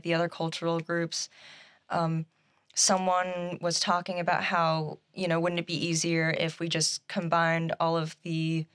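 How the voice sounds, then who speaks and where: A young adult woman answering interview questions casually, hesitating with many fillers and often giggling. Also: fairly low pitch. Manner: halting, full of fillers and giggles. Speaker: student guest.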